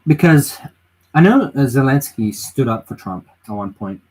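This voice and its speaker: A weary man streaming from home late at night rambles about politics, reads out chat messages, and keeps restarting and using fillers; English is his first language. His medium-pitched voice is sing-song, darkish and slightly rough at normal speed, on a rough recording.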